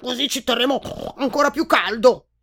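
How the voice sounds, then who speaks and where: A woman's voice: sits high, moderate pace, vocal fry, fairly bright tone, pitched above the performer's own voice, full character voice. A woman voicing a pushy male wild boar with tusks in a children's story.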